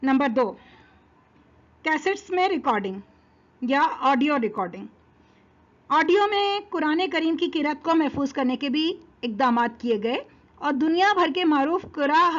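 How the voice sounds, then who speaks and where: A woman giving a religious history lesson, explaining steadily and laying out her points in numbered order. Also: sits high. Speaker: religious lecturer. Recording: dull lo-fi recording.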